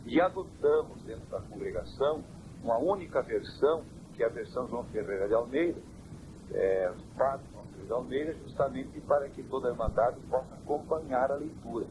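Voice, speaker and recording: A church elder with a mid-range pitch gives measured, preaching-style answers in an interview. The recording comes from an old, worn cassette tape with heavy hiss.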